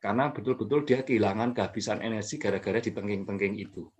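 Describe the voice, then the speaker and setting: A man explaining a topic calmly as an expert guest, with frequent fillers and self-corrections. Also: lowish voice, fast. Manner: calm, explanatory, many fillers and restarts. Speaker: mental health expert guest. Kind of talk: explanatory talk.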